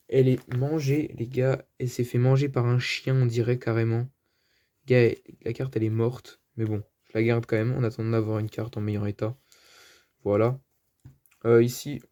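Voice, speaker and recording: Dark-toned French man chatting casually. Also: mid-range voice, fairly even intonation, normal speed. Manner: chatty, hesitant, many fillers. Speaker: card collector vlogger. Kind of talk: casual show-and-tell.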